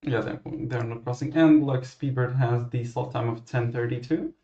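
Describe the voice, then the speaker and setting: A man working as a ground controller, giving clearances and commentary in a halting, self-correcting way. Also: medium pitch, steady tone, mellow. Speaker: virtual air traffic ground controller. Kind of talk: radio clearances and explanatory commentary. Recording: muffled, roomy microphone sound.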